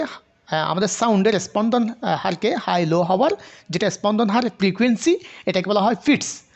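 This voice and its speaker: Online class teacher, reads english lines slow then explains, bouncy pitch. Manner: asks the class questions and answers them. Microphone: video call.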